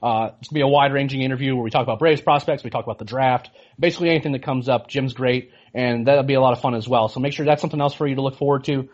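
A man co-hosting a podcast talks fast in a casual, rambling way, full of fillers and restarts. His voice sits at an ordinary pitch. The sound is dull and lo-fi. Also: fairly even intonation. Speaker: podcast host.

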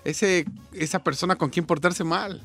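A man co-hosting a radio show, chiming in with jokes and quick corrections. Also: high voice, a bit bright, faint music behind. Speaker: radio co-host. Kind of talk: casual banter.

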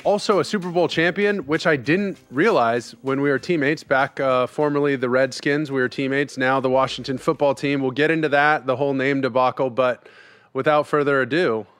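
A man's voice: mid-range voice, normal speed, a bit bright, smooth, dry recording. A man hosting a casual podcast interview, asking questions in a chatty, upbeat way. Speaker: podcast host.

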